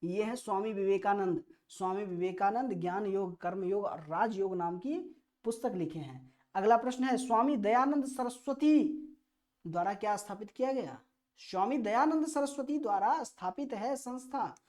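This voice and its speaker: Mid-range and mellow, at a moderate pace, this woman with an Indian accent teaches history for exam prep. In quiz fashion she reads out the questions, explains the answers, and leans on key phrases through emphatic repetition.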